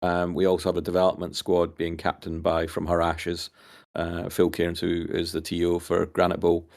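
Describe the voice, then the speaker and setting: A man's voice: low-pitched, monotone, moderate pace, creaky, a little mellow. A man, a team captain, chatting casually on a stream, rambling with many repeated words and hesitations.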